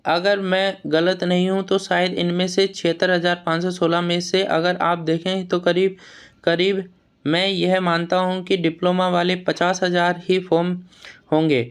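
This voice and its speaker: This male exam news vlogger talks to students who are job aspirants, explaining things informally with a plain-spoken, scolding edge and plenty of repeated words and phrases. High-pitched and smooth, he delivers it all flatly and without hurry.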